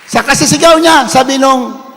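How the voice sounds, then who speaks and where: A man preaching a sermon, telling a story that swings from hushed retelling to shouted praise. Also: very high-pitched, normal speed, big-room sound, a faint crowd.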